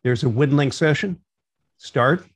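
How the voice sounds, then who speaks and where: Speaking from a small home room on a video call, this middle-aged net control operator hosts an instructional radio net in a procedural, orderly fashion. He talks unhurriedly in a mid-range voice with a breathy edge, and there's no echo.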